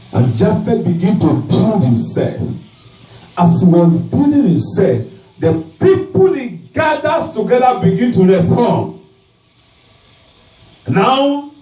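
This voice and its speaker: A preacher retells a scripture story in a dramatic, emphatic sermon. He speaks slowly, and his pitch rises and falls a lot, with sudden shouts. His voice comes from a distance through a roomy hall.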